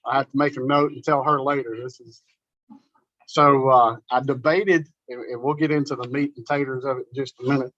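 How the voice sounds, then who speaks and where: A middle-aged man giving an informal, animated conference talk, folksy and storytelling. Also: medium pitch, brisk, dry recording, muffled recording. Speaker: conference presenter. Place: meeting room.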